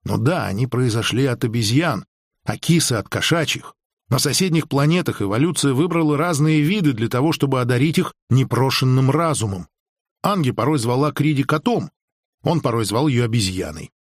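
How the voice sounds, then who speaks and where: A man narrating a science fiction audiobook in a measured, even storytelling voice. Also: medium pitch, no echo, clean studio sound. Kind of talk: scripted narration.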